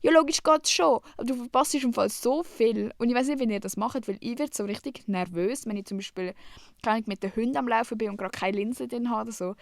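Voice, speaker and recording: A young adult woman from Switzerland with a Swiss German accent hosts a casual solo podcast, chatty and blunt, swearing freely and dropping English slang. Her voice is on the high side with vocal fry, and she talks fairly quickly. The recording is studio quality with no echo.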